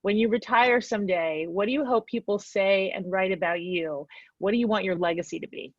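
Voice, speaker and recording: A woman's voice: medium pitch, brisk, no echo, highs cut off. A woman moderating a panel discussion, guiding questions and responding appreciatively.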